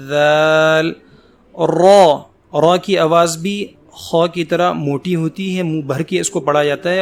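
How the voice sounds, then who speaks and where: A man teaching Quran letter pronunciation, drawing out each letter slowly and explaining patiently between them. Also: fairly high pitch. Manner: slow, drawn-out letter recitation.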